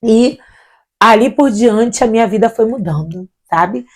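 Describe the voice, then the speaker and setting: A middle-aged woman recounts a personal faith testimony as a missionary guest. Her voice sits a little high. She tells it with animation and acts out the other people's words as she goes. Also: unhurried. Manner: animated storyteller acting out quoted voices.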